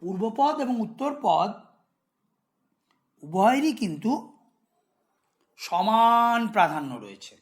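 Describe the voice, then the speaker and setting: A man's voice: sits high, sing-song, slow, long pauses. A man teaching a grammar lesson to school students, explaining patiently, repeating examples and checking if they follow.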